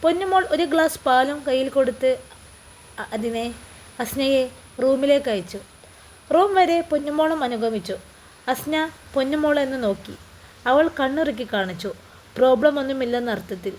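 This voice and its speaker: A woman's voice: high-pitched, expressive, normal speed, long pauses, darkish tone, a little hiss or hum. A woman with a Malappuram Malayalam accent narrating an emotional family story aloud.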